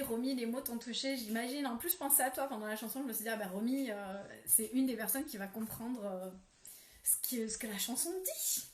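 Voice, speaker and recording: A woman hosting a live spiritual ritual, guiding softly and then chatting while reading viewers' comments, with many fillers. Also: on the high side, a little hiss or hum. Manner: soft, gentle guidance with many fillers. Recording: roomy echo.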